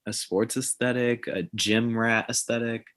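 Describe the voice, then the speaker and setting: A man's voice: mid-range voice, flat delivery, a little slow, a bit bright. A man who is a guest on a casual podcast, rambling and searching for his words.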